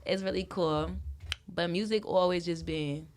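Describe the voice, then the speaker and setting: A young woman from Wisconsin, guesting on a casual interview, has a fairly low voice with a measured pace and a slight hiss or hum. She talks loosely and with animation, saying "like" constantly and laughing often.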